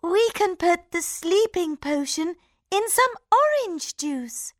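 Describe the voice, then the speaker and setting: A woman doing a sweet, high-voiced princess. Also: expressive, slow pace, no room sound, studio quality, full character voice. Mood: eager. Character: young princess, sweet and trusting. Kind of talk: storybook read-aloud.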